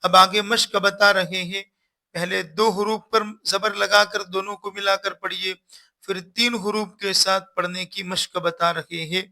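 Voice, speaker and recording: A man's voice: sits high, flat delivery, unhurried, bright, forceful tone. A man teaching Quran reading in a recorded lesson, patiently repeating instructions and sounding out the letters one by one.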